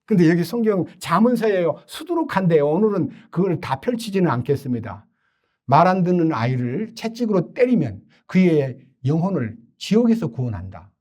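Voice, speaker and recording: Telling stories from the pulpit, this older male preacher brings his sermon to life by voicing the characters in them. He speaks at a moderate pace in a fairly high voice.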